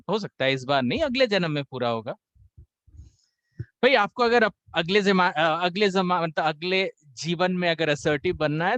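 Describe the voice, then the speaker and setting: An Indian man coaches a spoken English class, blending Hindi and English as he performs quoted voices and slows down on key English lines. His voice sits high and a bit bright, with no echo.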